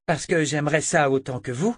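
A man's voice: a little high, a little fast, no room sound, clean studio sound, voice pushed up, lightly acted. A man reading an audiobook and voicing a young woman captive who coaxes and persuades while hiding her fear. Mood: coaxing.

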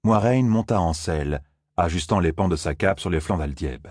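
Low husky male audiobook narrator. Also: moderate pace, darkish tone, dry recording, studio quality.

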